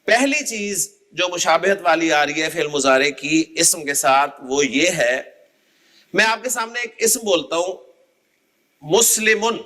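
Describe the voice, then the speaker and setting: A man teaching Arabic grammar in a lecture, quizzing listeners and repeating word forms slowly. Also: sits high, pushed and bright. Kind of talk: classroom lecture.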